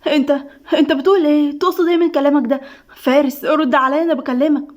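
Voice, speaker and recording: Snappish Egyptian woman, fast and high, bristling and sarcastic , as a narrator puts her on. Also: natural voice. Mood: agitated. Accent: Egyptian Arabic. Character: sharp-tongued older woman, wary and tense.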